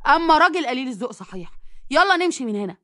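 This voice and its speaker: A woman's voice: high voice, expressive, rapid-fire, a bit bright. A woman voicing a curt, upset young man with an Egyptian accent who speaks in clipped lines.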